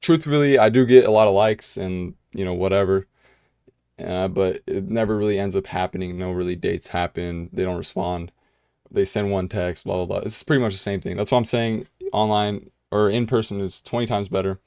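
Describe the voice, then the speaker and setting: His voice is low, smooth and darkish, held steady at a moderate pace, captured dry with studio quality. A young American vlogger fielding viewer questions, he speaks casually and keeps restarting, sprinkling in "you know" and other fillers.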